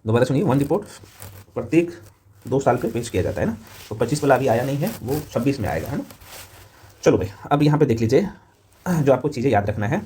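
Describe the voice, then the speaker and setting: Male exam tutor, fast-paced and a bit husky, informal, matey, peppering the lecture with quick check-in questions. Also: medium pitch, animated, dark tone. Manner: rapid-fire delivery peppered with short check-in questions. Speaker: teacher of a current affairs exam class. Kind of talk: fast revision lecture to camera.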